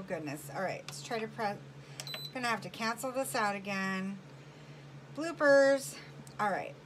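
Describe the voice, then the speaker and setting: A woman's voice: a little high, noisy background. A woman chatting to her viewers while cooking in her home kitchen, narrating each step and apologizing for slips. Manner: chatty, self-correcting, talks to viewers while working. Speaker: cooking vlogger. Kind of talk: casual cook-along chat. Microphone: camera on counter, speaker off to the side.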